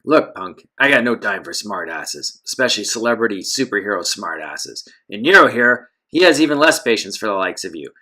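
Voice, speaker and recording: A deep, gravelly gangster heavy with a gun and no patience, snarling threats in street slang, as a man reads him. His tone is bright and cutting despite the low growl. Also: sing-song, a little fast, hardly any pauses, heavily acted. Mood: menacing. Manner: threatening, tough-guy slang. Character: gruff male thug with a gun, menacing, impatient.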